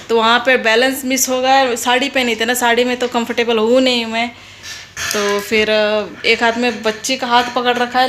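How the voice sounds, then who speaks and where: A bright, fairly high-voiced young woman with a Rajasthani Hindi accent chats to the camera at home while dealing with back pain. She tells her story in a rambling way, restarting her sentences, and faint household noise sits behind her. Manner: chatty storytelling with many restarts. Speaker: vlogger. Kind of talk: casual chat to camera.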